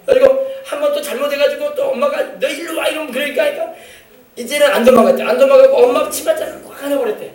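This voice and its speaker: Man, pastor, sermon, high voice, rapid delivery, emphatic, echoey church, distant mic. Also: darkish tone. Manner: emphatic preaching, calls for amen, acts out family quotes. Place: church sanctuary.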